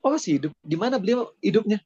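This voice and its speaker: A man's voice: sits high, expressive, fast, dark tone, slightly rough, no room sound, dull audio. A male Islamic preacher giving a casual sermon to students, chatty and friendly, slipping English phrases into his talk.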